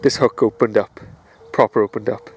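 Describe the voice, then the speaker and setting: A man's voice: fairly low pitch, steady tone, moderate pace, slightly rough, poor audio. A man, chatting upbeat on a lakeside bank as he films a day of fishing and talks with a young boy. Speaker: angler filming a fishing day. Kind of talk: casual outdoor commentary. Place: grassy lakeside bank outdoors. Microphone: handheld camera, sometimes held at arm's length. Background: wind noise.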